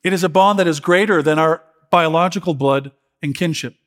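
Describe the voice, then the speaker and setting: A middle-aged male pastor delivers a sermon in an earnest, emotional way, stumbling and restarting as he goes. His voice sits a little high for a man. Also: brisk, fairly bright tone.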